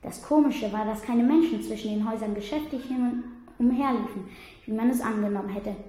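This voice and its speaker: A woman reads a first-person adventure story aloud in a steady, plain manner. Her voice sits a bit high, and the room around her echoes heavily. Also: brisk.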